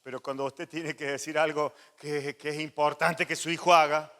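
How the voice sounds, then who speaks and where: A man, a pastor preaching a sermon, animated and moving between loud emphasis and soft asides. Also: fairly high pitch, moderate pace. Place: church hall. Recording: long church reverb.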